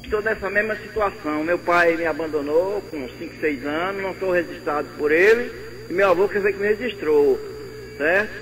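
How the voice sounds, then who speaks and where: An older man calling into a radio show with a northeastern Brazilian accent, talking earnestly with halting repeats. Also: sits high, fairly bright tone, a little hiss or hum, rough recording. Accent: Brazilian Portuguese, northeastern. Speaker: caller. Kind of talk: phone-in call.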